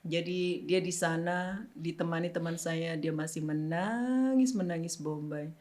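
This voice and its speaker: Lively nun telling a story. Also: female voice, fairly low pitch, a little slow. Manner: animated, laughs often, acts out quoted people. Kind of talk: casual storytelling in an interview.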